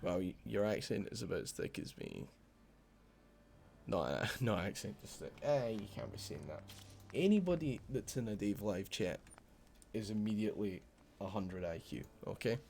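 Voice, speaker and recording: Very animated at a moderate pace, a Scottish man streams a game with a low, gravelly, darkish voice. He keeps the talk casual, swearing freely and bantering with his viewers.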